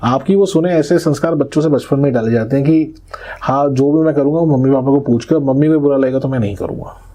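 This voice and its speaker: Man explaining astrology, mellow husky voice. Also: medium pitch, quick pace. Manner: didactic, explains with examples and checks "ठीक है?". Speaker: astrologer guest. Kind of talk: explanatory podcast interview.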